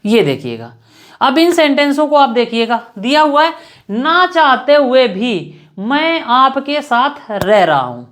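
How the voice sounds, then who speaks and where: A woman teaching English grammar in Hindi, slowly repeating example sentences word by word. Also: high voice, very animated. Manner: slow, repetitive, spells out example sentences word by word.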